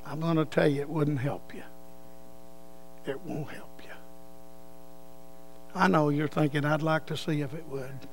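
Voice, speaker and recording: Gravelly high-pitched older preacher man. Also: fairly even intonation, unhurried, pauses often, faint music behind. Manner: folksy, swings between loud and hushed. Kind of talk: sermon with storytelling and prayer.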